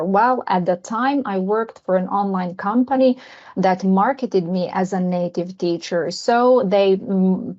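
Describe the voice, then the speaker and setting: A woman's voice: mid-range voice, darkish tone. Woman from serbia doing a conference talk on a video call, friendly, lots of ums, muffled lo-fi sound. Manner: friendly, with frequent filler pauses. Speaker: conference presenter, English teacher. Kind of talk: online conference presentation. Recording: dull lo-fi video call audio.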